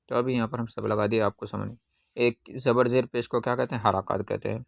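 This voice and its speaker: Reciting syllables in long, stretched-out sounds, a man teaches a Qaida reading lesson, patiently asking questions and then supplying the answers. His medium-pitched voice is creaky and barely moves in pitch. The recording is dry.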